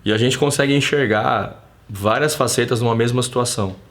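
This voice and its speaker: A man with a Brazilian accent hosts a casual live stream from his home, his voice sitting at an ordinary middle pitch. He talks in an animated, slangy way and often acts out bits of dialogue as he tells a story. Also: fairly quick.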